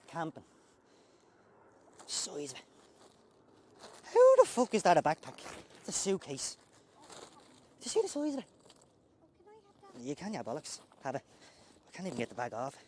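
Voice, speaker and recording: Irish builder type, slightly high voice, cheeky and foul-mouthed, chatting to camera. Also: male voice, wildly swooping pitch, moderate pace, long pauses, darkish tone, a little hiss or hum. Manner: joking, swearing, talks to the camera person. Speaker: tradesman unboxing work gear. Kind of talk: casual unboxing chat.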